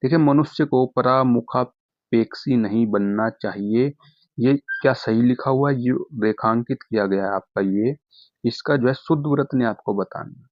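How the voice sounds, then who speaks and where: A young man teaching a Hindi exam-prep lesson, calling students his friends, repeating "okay" again and again, and saying tricky words out slowly syllable by syllable. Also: medium pitch, dry recording, muffled recording. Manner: addresses students as friends, repeats "ठीक है" constantly.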